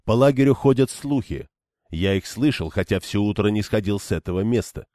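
A stubborn young swordsman presses his point earnestly, as a man reading an audiobook plays him. The voice is low and mellow. The sound is dry, with no room around it. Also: expressive, a little fast, no echo, lightly acted. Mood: insistent.

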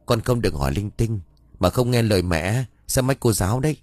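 A man's voice: on the low side, animated, brisk, darkish tone, dry recording, close to an everyday voice. A man voicing a worried young village wife and mother in an audio ghost story, anxious and firm with her child. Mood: stern.

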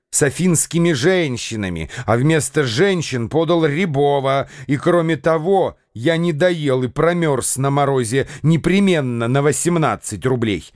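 A man doing a booming, rowdy giant. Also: no echo, clean studio sound, lightly acted. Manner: booming, roaring. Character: huge, rowdy, brawling young man.

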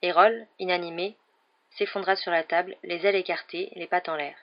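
A woman's voice: fairly low pitch, steady tone, fairly quick, dull audio. Woman reading a novel aloud. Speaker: radio reader.

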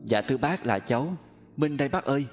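A man's voice: mid-range voice, animated, fairly quick, faint music behind, close to an everyday voice. A man voicing a polite young man who stammers in shock, in a storybook reading. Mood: shaken.

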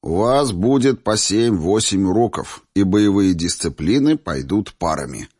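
A man's voice: low voice, expressive, measured pace, darkish tone, husky, no echo, studio quality, heavily acted. Man doing a barking, mock-cheerful combat teacher. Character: loud gruff male combat teacher, mockingly cheerful. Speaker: martial arts teacher.

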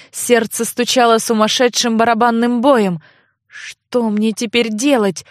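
Brief: female audiobook narrator, fairly high voice, measured first-person storytelling, dry close sound. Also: dry recording. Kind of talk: first-person novel reading.

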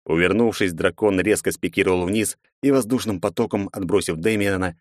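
Male audiobook narrator, low voice, dry close sound. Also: fairly quick, no echo. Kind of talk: scripted narration.

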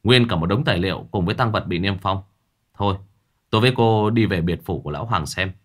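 A man's voice: sits low, fast. A man voicing a curt male police officer who is out of breath.

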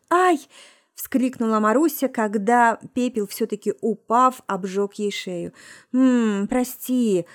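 A woman narrating a romance novel as an audiobook, in an intimate, expressive reading. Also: mid-range voice. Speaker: audiobook reader.

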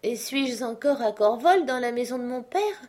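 A woman's voice: fairly high pitch, lively intonation, moderate pace, darkish tone, voice pushed up, close to an everyday voice. A woman voicing a delirious dying young woman. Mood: dazed. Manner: dazed, questioning.

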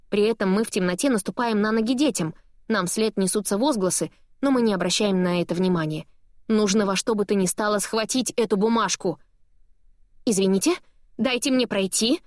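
A woman narrating a novel in first person with a lively, dramatic reading. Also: medium pitch, fairly quick, dry recording, studio quality. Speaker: audiobook narrator.

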